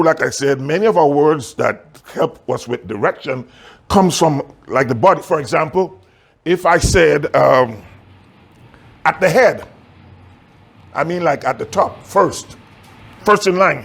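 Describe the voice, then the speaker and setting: A man preaching a sermon as pastor, reading scripture slowly with dramatic emphasis and asking the listeners rhetorical questions. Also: fairly high pitch, animated, vocal fry, slightly rough. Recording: sermon recorded in a church.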